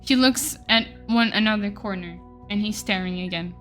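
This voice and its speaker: A woman narrating a tabletop game as game master in a casual, animated way. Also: mid-range voice, moderate pace, faint music behind.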